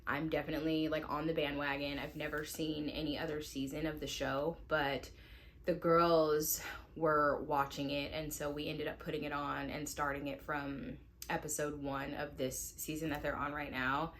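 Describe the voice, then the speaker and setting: A woman in her thirties, a mom and lifestyle vlogger, chatting casually to camera at home in a relaxed way with lots of "like" fillers. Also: low voice, normal speed, a little hiss or hum. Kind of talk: casual vlog chat to camera. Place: at home indoors.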